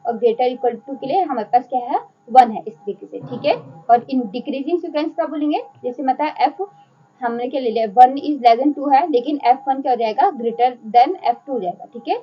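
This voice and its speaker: A woman's voice: high-pitched, normal speed, slightly rough, muffled recording. A woman with a Hindi accent teaching a math lecture step by step, asking and answering her own questions.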